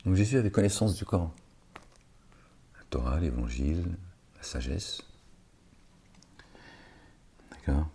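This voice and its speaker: With a very deep, warm voice that has a breathy edge, this man reads scripture and offers digressive commentary as a religious lecturer. His intonation is lively, his delivery unhurried with long pauses, and he drops in sarcastic asides and hesitant fillers. Arabic is not his first language.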